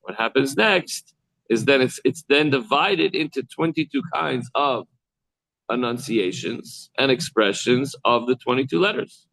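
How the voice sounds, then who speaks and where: In a rabbi's text class, a man reads lines and slowly explains them, breaking off to demonstrate sounds and talk to students in the room. His medium-pitched voice is creaky with a fairly bright tone, captured in a dry, rough recording.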